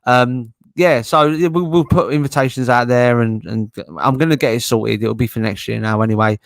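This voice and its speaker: A man's voice: medium pitch, fairly even intonation, moderate pace, creaky, dry recording. A man hosting a casual podcast chat, laughing often as he rambles. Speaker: podcast host.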